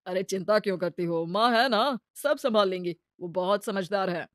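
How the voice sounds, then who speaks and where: A woman's voice: mid-range voice, normal speed, no echo, close to an everyday voice. A young husband in a cartoon story, voiced by a woman who talks casually and reassuringly in a medium voice. The recording is dry and close.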